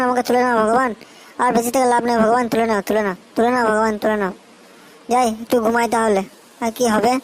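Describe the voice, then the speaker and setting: A woman's voice: fairly high pitch, natural voice, poor audio. Woman playing a whiny, lovesick boyfriend. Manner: pleading, self-pitying, dramatic laments. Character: lovesick young male boyfriend, whiny and melodramatic. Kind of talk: comedy sketch acting.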